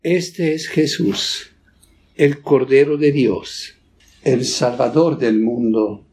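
A man leading Mass as a priest, reciting liturgical prayers in a solemn, measured manner. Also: medium pitch, darkish tone, a little hiss or hum. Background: congregation voices.

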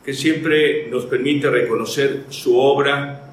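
In an echoey church sound with faint noise, a male priest gives a sermon. He speaks slowly and reflectively at a medium pitch, choosing his phrases deliberately. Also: fairly even intonation. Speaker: priest giving a homily.

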